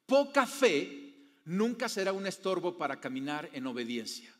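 Man, pastor preaching, high voice, long reverb, hushed then emphatic, keeps quizzing listeners. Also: big pitch swings, normal speed. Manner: asks the audience frequent rhetorical questions; dynamic, swinging between soft low phrases and loud emphatic ones. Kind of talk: sermon.

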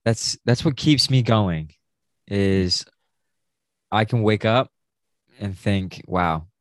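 A man's voice: lowish voice, slow, dry recording. A man co-hosting a podcast, chatting casually in a joking, slangy way. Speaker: podcast co-host. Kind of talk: casual chat.

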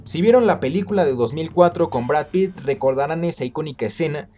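A man retelling an ancient epic in casual, slangy, lively narration. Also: on the high side, brisk, faint music behind. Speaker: storyteller.

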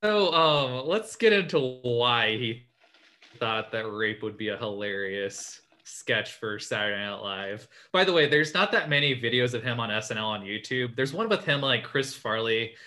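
A young man chatting on a podcast, rambling through a story with "like" scattered everywhere. His voice is bright and forward, and his pitch sits in an ordinary middle range. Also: lively intonation, normal speed, faint music behind. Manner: rambling storyteller, heavy use of "like". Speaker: podcast host. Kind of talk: casual chat.

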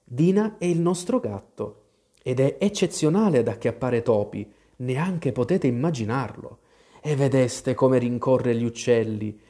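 A man's voice: medium pitch, expressive, unhurried, dark tone. A man voicing an earnest, apologetic young girl in a storybook reading. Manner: eager, pleading.

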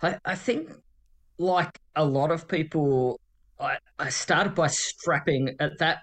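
A man's voice: on the high side, slow, a bit bright. A man with a Tasmanian Australian accent chatting casually as an interview guest, rambling and self-deprecating.

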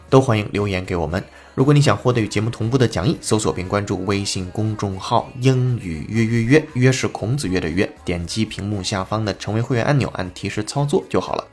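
A man hosting a podcast English lesson, explaining step by step and spelling words out letter by letter. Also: on the low side. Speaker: English teacher.

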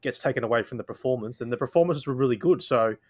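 A man co-hosting a podcast in casual review chat, explaining calmly with frequent restarts. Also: mid-range voice, fast. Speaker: podcast co-host.

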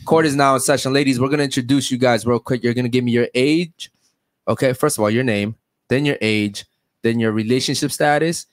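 A man's voice: mid-range voice, steady tone, brisk, dry recording, clean studio sound. A young adult man hosting a podcast, questioning guests in a blunt, crude, teasing way. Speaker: podcast host. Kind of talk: blunt questioning panel talk.

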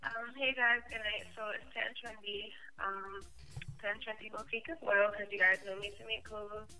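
Young woman, from New Jersey, phone caller, bright voice, easygoing chatty manner, phone-line sound. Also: medium pitch, steady tone, normal speed, soft background music. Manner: easygoing, chatty, lots of fillers. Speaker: guest caller, clothing designer. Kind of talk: casual phone interview. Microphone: earbuds over phone line.

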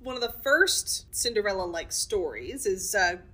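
Casual podcast co-host, woman, bright tone, blunt and chatty. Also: medium pitch, lively intonation, moderate pace. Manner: chatty, blunt opinions, laughs often. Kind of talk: casual chat about fairy tale history.

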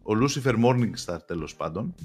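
Faint music sits behind this young podcast co-host as he rambles casually about TV shows, restarting often and leaning on fillers. He sounds animated, with a lowish, slightly rough and a little mellow voice.

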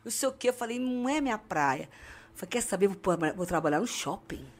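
A woman's voice: medium pitch, fast talker. A woman from Santos, a podcast guest telling stories in casual chat and acting out the other people's lines. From Santos, Brazil. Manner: lively, acts out the voices of people in her stories.

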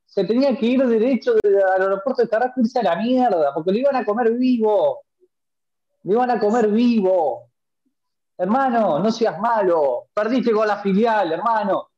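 A man's voice: high-pitched, darkish tone, dull audio. A man in his twenties with a Uruguayan accent, ranting angrily about football in a casual podcast, swearing and repeating himself. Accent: Uruguayan Spanish. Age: 20s. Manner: ranting, profane, repeats words. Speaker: podcast co-host. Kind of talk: heated football chat.

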